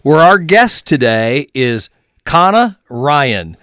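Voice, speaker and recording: A man's voice: medium pitch, sing-song, normal speed, a bit bright, no room sound. Radio host guy, jokey and teasing, voice bounces all over, dry studio sound. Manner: playful, teasing, joking. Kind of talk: casual radio interview.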